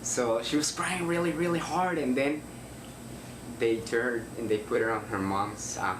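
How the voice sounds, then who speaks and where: A man of twenty-one answers interview questions and thinks out loud as he goes. His voice sounds far from the mic, in an echoey room with steady noise behind it. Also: medium pitch, a little slow. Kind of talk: documentary interview. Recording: roomy, distant and noisy.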